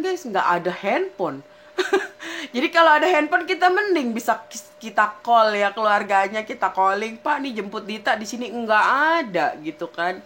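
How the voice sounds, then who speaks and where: A young woman spins a spooky personal tale in a relaxed, chatty way. Her voice sits at a middle pitch, and she slips into quick impressions of her friends. A faint background hiss sits under her voice. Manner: chatty, acts out friends' lines. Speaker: horror story narrator. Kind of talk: casual spoken storytelling.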